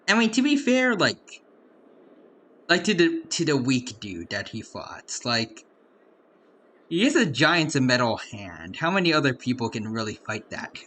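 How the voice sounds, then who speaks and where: Animated, bright-voiced man streaming a game. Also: medium pitch, a little slow. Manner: chatty, animated. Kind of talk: casual live game commentary and chat.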